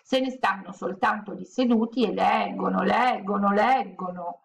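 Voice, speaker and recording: A woman reading aloud and voicing a lively, curious little girl with eager exclamations. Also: mid-range voice, moderate pace, gravelly, natural voice. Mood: chatty.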